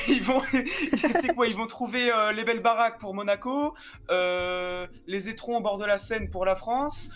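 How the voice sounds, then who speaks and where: A man's voice: high-pitched, a little slow, a bit bright. A man co-hosting a live stream in casual chat, teasing and laughing often. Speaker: co-host.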